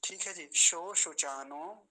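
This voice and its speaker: A man teaching a pronunciation lesson online. He speaks patiently and politely, and he slows down to repeat each word syllable by syllable. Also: on the high side, background noise. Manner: slows down to spell out syllables, repeating words carefully; patient, polite, addresses students respectfully.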